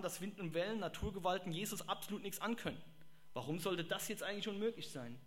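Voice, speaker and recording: A man preaching a sermon, lively and exclamatory, acting out the voices he quotes. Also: high-pitched.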